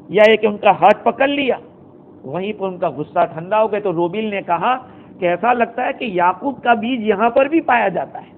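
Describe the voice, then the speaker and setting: High-voiced man explaining scripture, tinny sound. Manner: explanatory storytelling, quoting Arabic verses then explaining. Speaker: Islamic scholar giving Quran commentary. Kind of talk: Quran exegesis lecture. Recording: tinny phone-like recording with faint noise.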